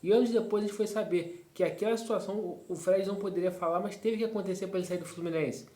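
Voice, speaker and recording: A man's voice: high-pitched, steady tone, quick pace, warm tone. A man hosting a football fan channel, talking through club news in casual commentary, rambling with fillers and tag questions. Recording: roomy echo.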